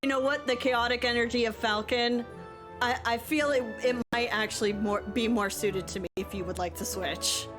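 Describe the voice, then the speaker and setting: A woman's voice: fairly high pitch, steady tone, normal speed. A young woman streaming a video game, chatting playfully, giggling and reading game text aloud. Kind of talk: casual game stream chat. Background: game music.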